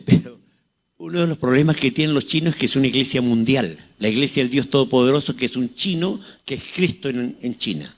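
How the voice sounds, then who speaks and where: A man's voice: medium pitch, fairly quick. A man in his sixties with a Chilean accent preaching a fervent sermon, asking the congregation rhetorical questions. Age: 60s. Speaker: pastor.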